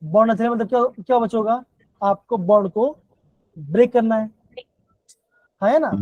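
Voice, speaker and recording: High-voiced male chemistry teacher, repetitive. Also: normal speed, no room sound. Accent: Himachali Hindi. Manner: repetitive, keeps calling the students "बच्चों". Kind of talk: live online class lecture. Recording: dull, dry low-fi online class audio.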